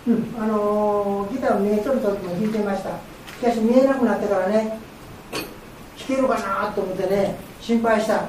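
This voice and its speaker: Answering questions as a blind guest speaker, an older woman gives an informal group talk, patiently explaining in short phrases. Her mid-range voice is a little mellow. The recording sounds distant and very echoey, with faint noise.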